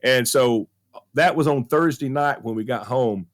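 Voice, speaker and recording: A man's voice: medium pitch, measured pace. A middle-aged man with a Southern US accent, telling a funny story on a talk show and acting out the voices with plenty of laughs. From American South. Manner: animated storyteller, acts out quotes, laughs often. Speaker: radio show regular, movie critic.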